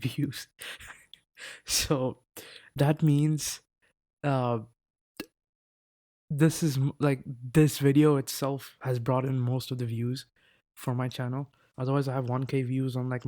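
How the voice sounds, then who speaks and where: Indoors at his laptop, a teenage boy vlogs into a desk mic, chatting casually, rambling, cutting himself off and swearing now and then. His voice is medium-pitched with a darkish tone.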